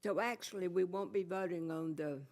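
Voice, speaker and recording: A man's voice: high voice, fairly even intonation, moderate pace, darkish tone. A man on a city commission asking a short question and making motions. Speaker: commission member. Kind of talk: meeting discussion.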